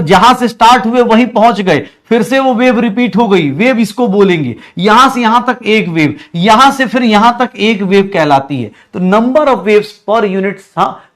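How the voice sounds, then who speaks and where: A man's voice: high-pitched, a bit bright. A man giving an online chemistry lecture, mixing English terms into Hindi, calling students beta and bhaiya, and repeating each question to the class before he answers it. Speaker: chemistry teacher.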